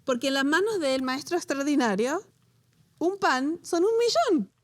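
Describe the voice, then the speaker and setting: A Latin American woman who co-hosts a Bible study show leads a conversational teaching session, animated and laughing easily. Her voice sits high. She becomes emotional while sharing a personal story.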